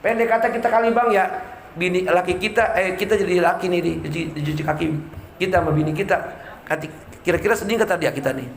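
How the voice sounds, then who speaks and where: A man's voice: high-pitched, quick pace, slight background noise. A man preaching a humorous sermon, joking with the congregation and acting out quoted voices. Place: community religious gathering. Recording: echoey room with crowd laughter.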